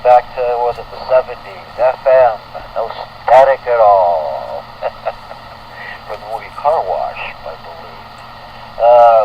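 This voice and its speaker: A middle-aged or older man, running a radio net roll call in a chatty, folksy, rambling way. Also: mid-range voice. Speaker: radio net control operator. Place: indoor radio room with window open. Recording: noisy dull ham radio audio, distant.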